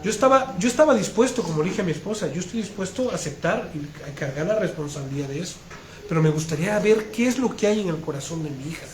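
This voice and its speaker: A man's voice: high-pitched, expressive, fast, crowd noise. A man, telling a heartfelt personal testimony during a sermon. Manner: earnest, heartfelt storytelling with frequent restarts. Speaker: preacher. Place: congregation hall. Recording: echoey room with faint noise.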